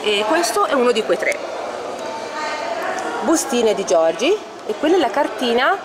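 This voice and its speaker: A woman's voice: a little high, big pitch swings, measured pace. A woman walking the camera through her own collector's display at a convention, listing items case by case with small hesitations. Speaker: collector showing her exhibit. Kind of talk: casual guided tour narration. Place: indoor convention hall stand. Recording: loud background noise of a public hall. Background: loud convention crowd ambience.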